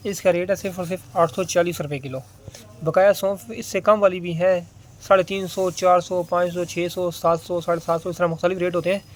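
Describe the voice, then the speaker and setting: A man's voice: high voice, steady tone, brisk. Pakistani-accented man selling spices. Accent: Pakistani Urdu. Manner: repetitive price-calling, plain salesman patter. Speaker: spice and dry fruit seller. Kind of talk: casual sales walkthrough.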